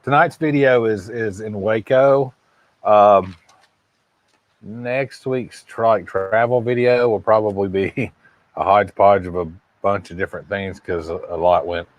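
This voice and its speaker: A man's voice: lowish voice, rough recording. Easygoing man chatting on a live stream. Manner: easygoing and rambling, with many fillers. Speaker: co-host of an RV travel channel. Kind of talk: casual live-stream chat. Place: outdoors on a home front porch.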